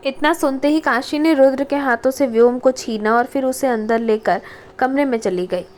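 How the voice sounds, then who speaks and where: A woman narrating a romantic audiobook in a steady storytelling manner. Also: high voice, a little hiss or hum. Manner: steady storytelling, reads dialogue tags.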